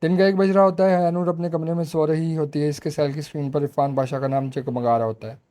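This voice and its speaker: A man reading a romance novel aloud as narrator, with steady storytelling. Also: fairly high pitch, quick pace.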